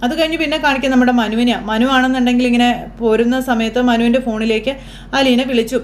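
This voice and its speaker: A woman's voice: a little high, steady tone, quick pace, slight background noise. A woman giving a chatty, casual recap of a TV serial for her listeners. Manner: chatty, keeps adding tag words for the listener.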